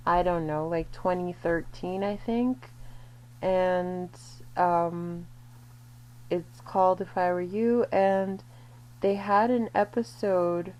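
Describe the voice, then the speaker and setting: A woman's voice: fairly low pitch, darkish tone. A woman chatting casually to camera, rambling and correcting herself as she goes. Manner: rambling, self-correcting, lots of fillers. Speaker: video creator. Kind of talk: casual commentary vlog.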